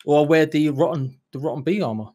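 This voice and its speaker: Higher-voiced British man in gaming banter. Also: fast talker, darkish tone. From Britain. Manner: jokey, bantering. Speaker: gaming streamer. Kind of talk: casual multiplayer gaming chat.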